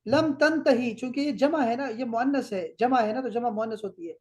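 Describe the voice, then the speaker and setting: Brief: Pakistani man, Arabic teacher checking homework, repeats words slowly. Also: very high voice, darkish tone. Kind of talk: correcting homework in class.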